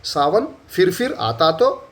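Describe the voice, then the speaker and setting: Male teacher, Telugu accent, rather high and very animated pitch, repeats words and examples. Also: a little slow. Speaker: Hindi teacher. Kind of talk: classroom lesson explanation.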